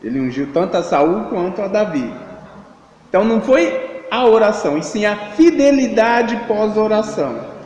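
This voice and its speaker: A man's voice: sits high, big pitch swings, normal speed, a little mellow. A man from Brazil reflecting on scripture in a sermon, posing rhetorical questions. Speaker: church speaker. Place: church hall. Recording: echoey church hall.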